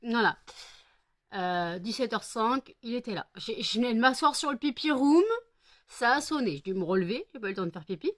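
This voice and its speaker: A woman's voice: on the high side, expressive, fairly quick, dry recording. A woman vlogging casually, chatty and full of hesitations, who sounds tired. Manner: chatty, many hesitations, scolding pets affectionately. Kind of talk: casual vlog chat.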